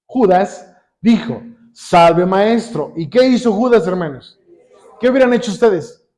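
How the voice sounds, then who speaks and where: A man with a Mexican accent preaching a sermon, constantly asking the congregation questions and pausing for them to finish his sentences. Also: sits high, expressive, mellow. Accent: Mexican Spanish. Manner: calls on the congregation with repeated questions.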